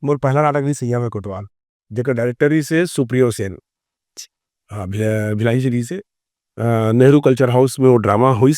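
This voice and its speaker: A man's voice: mid-range voice, normal speed, no echo, clean studio sound. A middle-aged man with a Chhattisgarhi accent telling stories in a casual interview, rambling and acting out the lines he quotes. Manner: rambling, animated, acts out quoted dialogue. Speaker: filmmaker and theatre actor.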